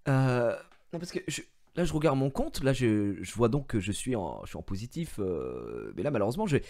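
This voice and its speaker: A male streamer telling a story to his viewers in an expressive way, swinging from mumbling to shouting and swearing, on a headset mic. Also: medium pitch, a little fast. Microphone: gaming headset.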